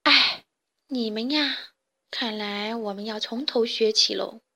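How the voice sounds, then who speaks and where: Woman doing a high, eager little alien boy chick, storybook, proud and chatty. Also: slow, pushed and bright, full character voice. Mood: lively. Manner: chirpy, eager and a bit proud. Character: cheerful young male alien chick student. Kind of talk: storybook character voice.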